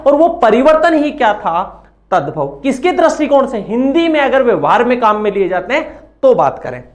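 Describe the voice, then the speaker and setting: A man's voice: extremely high pitch, very animated, moderate pace. A man teaching a grammar lesson from slides. He asks questions and answers them himself, and has the class repeat words after him.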